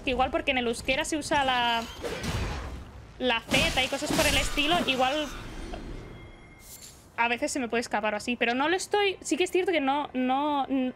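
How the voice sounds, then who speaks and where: A woman's voice: high voice, moderate pace, music in the background. A young woman streamer from the Basque Country chatting casually and rambling while gaming. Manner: chatty, reads chat aloud, rambling.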